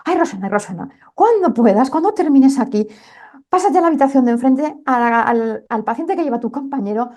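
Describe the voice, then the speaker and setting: A woman's voice: mid-range voice, very animated, very fast, creaky, few pauses, dark tone, breathy edge, heavily acted. A woman voicing a frightened young nurse who pleads urgently and repeats herself.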